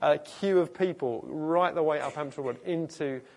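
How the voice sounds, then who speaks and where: Speaking at a moderate pace, this pastor has a slightly high, darkish voice. His conversational sermon is earnest and informal, and he often stops mid-sentence to start over or fix what he said.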